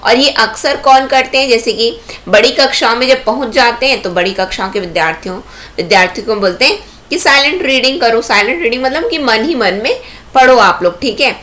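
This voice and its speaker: A woman's voice: on the high side, brisk, a bit bright. A woman teaching an exam-prep lecture, explaining step by step and asking herself rhetorical questions.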